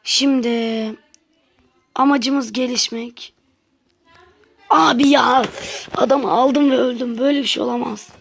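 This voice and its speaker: A woman's voice: on the high side, steady tone, takes it slowly, creaky, pauses often, a little hiss or hum. A woman giving casual gameplay commentary to her viewers, grumbling and exasperated as she plays. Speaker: gaming channel host.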